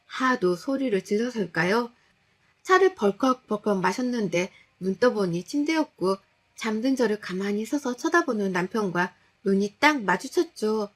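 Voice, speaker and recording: A woman recounting a frightening personal story in the first person. Her voice sits at a middle pitch. She tells it in a tense, confessional way. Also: animated, normal speed.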